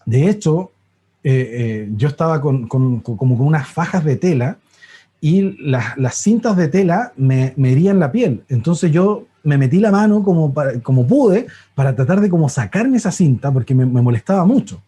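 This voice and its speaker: Husky-voiced preacher. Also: male voice, a little high, expressive, moderate pace, dark tone. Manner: storytelling with many restarts, acts out quoted voices. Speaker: preacher giving a testimony. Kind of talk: sermon testimony.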